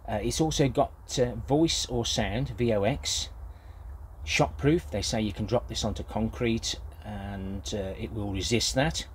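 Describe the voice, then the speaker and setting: An older British man, a grandfather and gardening vlogger, gives a casual, unscripted product review, hesitant and rambling. His voice is fairly low and his pace measured, with slight background noise.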